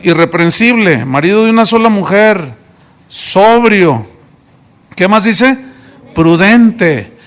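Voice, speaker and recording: High-voiced Mexican pastor preaching. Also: male voice, creaky, a bit bright. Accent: Mexican Spanish. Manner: preaching with questions to the congregation. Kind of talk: sermon.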